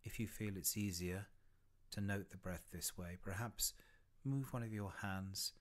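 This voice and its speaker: This deep-voiced man leads a guided body scan meditation at an unhurried, gentle pace. Short phrases are separated by long pauses, each trailing off in a soft, breathy way.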